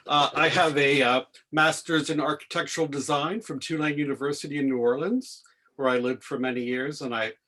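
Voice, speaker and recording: An architect and arts administrator giving a formal, measured introduction on a video call. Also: male voice, mid-range voice, sharp tone.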